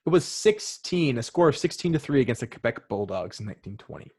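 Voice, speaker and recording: A man's voice: mid-range voice, very animated, fast, a little mellow, husky. A man hosting a sports podcast, reading out trivia questions and options in casual chat with joking asides. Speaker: podcast host running a trivia quiz.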